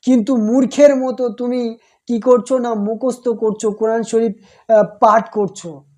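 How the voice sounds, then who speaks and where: A woman speaking in a deliberate monologue, repeating phrases and asking rhetorical questions in a scolding manner. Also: on the high side, fairly even intonation, a little mellow. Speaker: speaker giving a religious commentary.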